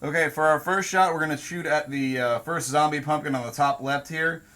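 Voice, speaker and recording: A man's voice: fairly high pitch, fairly quick, sharp tone. A man hosting a casual demonstration video at an outdoor shooting range, joking in a laid-back way with frequent ums. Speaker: video host.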